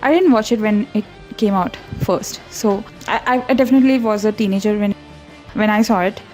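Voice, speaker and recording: A young Indian woman who isn't a native English speaker hosts an art channel, rambling chattily in a voiceover over her speedpaint with frequent giggles and self-corrections. Her medium-pitched voice is brisk and darkish, with faint background music and poor audio.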